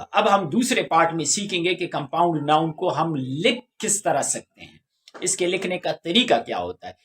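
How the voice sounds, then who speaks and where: Patient high-voiced male grammar teacher. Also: fairly bright tone. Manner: patient, explains step by step with examples. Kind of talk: grammar lesson explanation.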